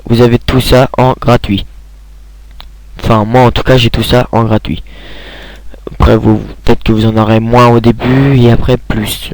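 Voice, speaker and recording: A man's voice: on the low side, darkish tone, no room sound. A young man giving a casual screen tutorial, rambling with many hesitations and restarts, talking into a computer mic at home.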